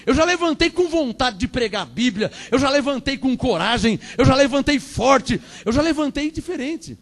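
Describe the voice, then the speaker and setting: A Brazilian pastor in his forties delivers a fervent Pentecostal sermon in a strikingly high voice for a man, his Brazilian Portuguese accent clearly audible. He repeats lines for emphasis, swinging between ringing proclamations and hushed asides. His intonation is lively and his speed normal.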